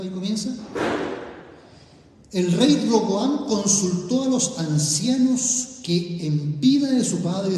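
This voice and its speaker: A man's voice: sits high, mellow. A man with a Chilean accent preaching a sermon in a church and reading scripture aloud. He talks conversationally and keeps checking in with the congregation. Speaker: pastor. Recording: echoey church hall from far off.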